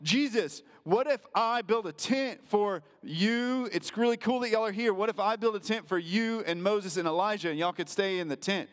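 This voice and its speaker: A man voicing an impulsive, boastful male disciple who talks in an excited, pushy way. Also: high voice, quick pace, hardly any pauses, voice pushed up. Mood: eager.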